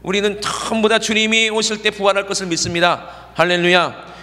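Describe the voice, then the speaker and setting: A man's voice: sits high, fairly even intonation, fairly quick, pushed and bright. A middle-aged man preaching a sermon in a conversational way, often checking in with his congregation. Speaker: pastor. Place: church sanctuary. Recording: long church reverb.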